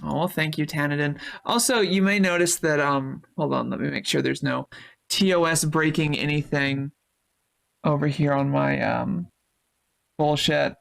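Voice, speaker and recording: Gravelly-voiced woman streamer chatting casually. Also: low voice, fairly even intonation, measured pace. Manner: loose and chatty, swears freely. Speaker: Twitch streamer. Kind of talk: casual live-stream chat, reading chat messages.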